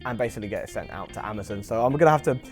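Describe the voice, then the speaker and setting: A man's voice: lowish voice, expressive, very fast, faint music behind. A man hosting a vlog, talking in a chatty, informal way as he interviews and explains. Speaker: host, online seller interviewing prep centre staff. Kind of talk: casual interview and vlog narration.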